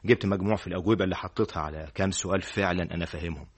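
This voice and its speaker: An actor with an Egyptian accent playing a self-assured, earnest young student who talks emphatically, in a classic radio drama. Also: male voice, low voice, fairly even intonation, racing, slightly rough. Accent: Egyptian Arabic. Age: young adult. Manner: emphatic, repeated denials. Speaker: student friend.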